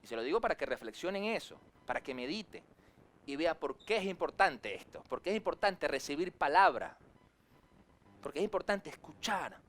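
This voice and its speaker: Pastor, male, fairly high pitch, preachy delivery with big rises and drops. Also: big pitch swings, a bit bright. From Venezuela. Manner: preachy, rises and drops sharply for emphasis, acts out quick asides. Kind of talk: sermon.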